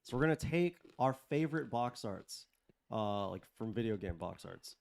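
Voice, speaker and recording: A man hosting a casual group podcast in a studio, excitable and swearing freely. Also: lowish voice, normal speed, gravelly. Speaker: podcast host. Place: studio with close mics.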